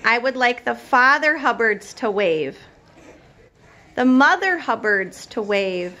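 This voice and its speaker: A woman teacher with a high, bright voice calls out each cue for her first graders' class play. She speaks slowly and patiently, giving encouraging prompts in a school classroom. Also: animated. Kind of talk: cueing a children's class play.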